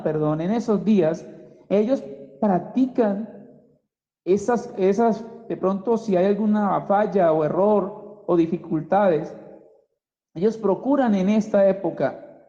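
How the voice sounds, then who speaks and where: Slow, emphatic preacher man, echoey hall. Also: high voice, mellow. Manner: slow and emphatic, repeats key words. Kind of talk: Bible teaching sermon. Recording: dull, echoey hall recording.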